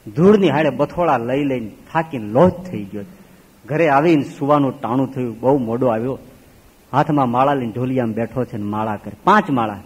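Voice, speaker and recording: A man preaching a sermon as a swami, telling stories with animated swings between loud exclaims and low murmurs. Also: breathy edge. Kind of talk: Gujarati sermon with storytelling. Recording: long reverb of a hall.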